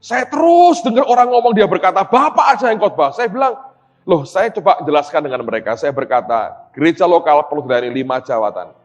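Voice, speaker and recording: A man's voice: on the high side, fairly quick. A middle-aged man preaching a sermon, telling stories and acting out conversations while addressing the congregation directly. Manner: animated storytelling, acts out dialogue, addresses audience as "saudara". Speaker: pastor. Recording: dull sound in a reverberant hall.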